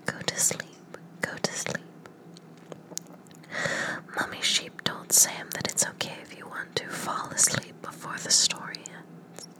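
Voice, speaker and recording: A woman podcaster whispering a bedtime story meant to send the listener to sleep, softly repeating words over and over. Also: low-quality recording. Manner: soft whisper, slow hypnotic repetition of words.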